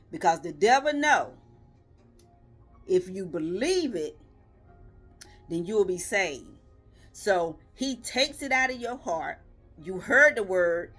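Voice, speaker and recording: A woman's voice: medium pitch, fairly bright tone. A woman delivering a devotional video sermon, earnest and emphatic, pressing her listener with repeated rhetorical questions and building rhythmic lists. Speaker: lay preacher.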